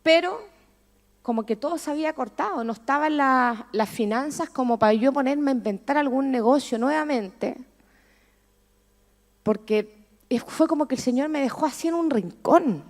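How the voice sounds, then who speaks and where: A woman's voice: high voice, expressive, normal speed, big-room sound. A middle-aged woman with a Chilean accent, a preacher giving an emotional testimony sermon and asking the congregation questions.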